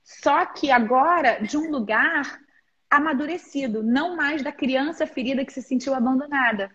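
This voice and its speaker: A woman in her forties with a Brazilian Portuguese accent, a therapist speaking as a guest in a live-stream interview. She explains earnestly and haltingly, with many restarts. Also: high voice, a bit bright, highs cut off. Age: 40s. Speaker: guest therapist and teacher of energetic alignment.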